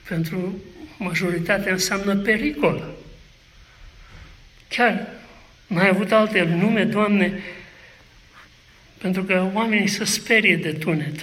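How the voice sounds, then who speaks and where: A man's voice: high-pitched, pushed and bright, rough recording. A man preaching a sermon, asking rhetorical questions and speaking aloud to God.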